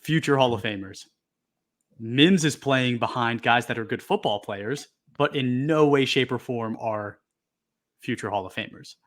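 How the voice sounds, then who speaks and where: A man's voice: medium pitch, unhurried, fairly bright tone. Casual rambling man talking football. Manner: rambling, hedging, thinks aloud. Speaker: podcast co-host. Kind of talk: casual sports chat.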